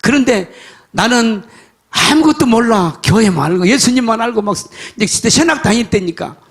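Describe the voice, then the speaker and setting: An older man, a pastor, preaching a sermon in a folksy storytelling way, dropping to soft mutters and rising to shouts. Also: very high voice, lively intonation, normal speed.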